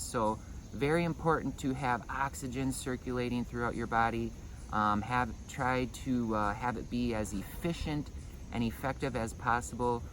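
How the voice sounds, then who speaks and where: A breathing meditation and Qigong instructor gives an informal lesson on breathing and meditation, explaining in hesitant phrases with repeated words. His voice is medium-pitched, with background noise behind it.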